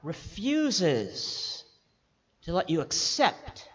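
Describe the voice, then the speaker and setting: A male preacher with a high, swooping voice delivers his sermon in bouncy bursts, joking with the children and stumbling over the odd word. He sounds echoey and a little dull, as if caught in a large church hall. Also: extremely slow. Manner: animated, playful, teases the children and stutters in bursts. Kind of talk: sermon with an interpreter.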